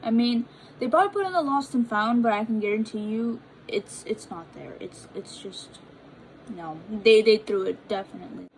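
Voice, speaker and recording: A young woman reacts to confessions in loose, chatty talk, packed with fillers and small restarts. Her voice sits a little high. A faint hiss of noise runs under the recording. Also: fairly quick, creaky, rough recording. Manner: chatty, filler-heavy, stumbles over reading. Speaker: vlogger reading confessions. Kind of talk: casual chat reacting to read-out posts.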